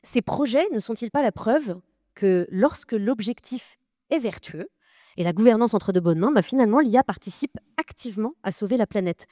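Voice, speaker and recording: A woman's voice: fairly high pitch, animated, normal speed, mellow, no room sound, clean studio sound. A woman moderating a debate, asking long questions with many filler sounds.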